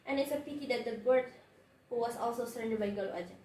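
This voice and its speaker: A woman's voice: high-pitched, lively intonation, moderate pace, darkish tone, a little hiss or hum. A young woman with an Indonesian accent playing a greedy, sly magician witch in a school drama. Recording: echoey room, distant mic.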